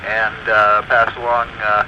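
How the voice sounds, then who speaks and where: Man, ham radio caller, heard over radio link, halting casual talk, muffled lo-fi sound, noisy hiss. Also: lowish voice, monotone. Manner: halting, many filler pauses. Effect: heard over a two-way radio link. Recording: dull noisy radio transmission.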